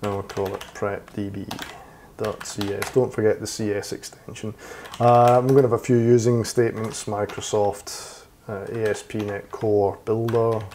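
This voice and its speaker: A man teaching a coding tutorial who thinks aloud as he types, with fillers and quick self-corrections, and sounds a little hoarse. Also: on the low side, level tone, mellow, slight background noise. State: slightly hoarse, losing his voice. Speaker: programming tutor. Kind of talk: screen-recorded coding tutorial. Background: keyboard typing and clicks.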